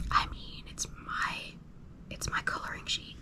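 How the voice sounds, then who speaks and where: Casting: female ASMR creator, hushed whisper throughout, casual slangy chat, soft and unscripted.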